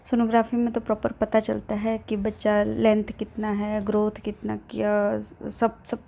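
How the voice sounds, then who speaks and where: Woman, storyteller, chatty plot retelling, digressive, mellow dark tone, gravelly. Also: medium pitch, completely flat delivery, measured pace. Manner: chatty, digressive, many fillers. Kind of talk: casual retelling of a drama plot.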